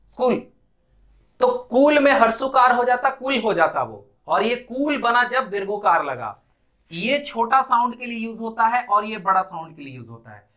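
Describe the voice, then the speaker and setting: A man with a Bihari Hindi accent teaching spoken English in a classroom lesson. He explains patiently, stretches words out to show their sounds, and slips into slow English phrases. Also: high voice, sharp tone.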